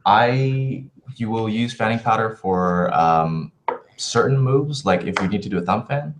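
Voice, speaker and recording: A man chatting casually as a livestream host in a halting, rambling, thoughtful way, with livestream headset-style audio. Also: fairly low pitch, animated, a little hiss or hum. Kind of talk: casual livestream chat answering viewer questions.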